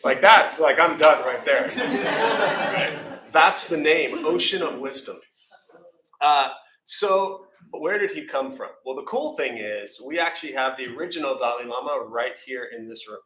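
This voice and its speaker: In an echoey temple meditation hall, an American teacher offers an informal talk on meditation that includes questions, with slight background noise. He speaks in an animated, unhurried way with a sharp, mid-range voice. He pokes fun at himself and wanders off topic, filling gaps with ums and ahs.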